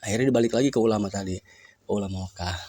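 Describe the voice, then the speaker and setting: A man's voice: lowish voice, rapid-fire, mellow, no echo. A man, a preacher telling a religious story in a casual way, reciting Arabic phrases and then explaining them.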